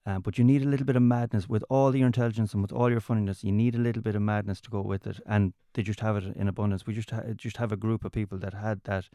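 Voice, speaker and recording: Man, west of Ireland accent, lowish pitch, dry close sound, casual storyteller, halting repeated phrases. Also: fairly even intonation, mellow, no echo. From County Mayo, west of Ireland. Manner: halting, repeats words and restarts phrases often. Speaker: interview guest, comedian and entertainer.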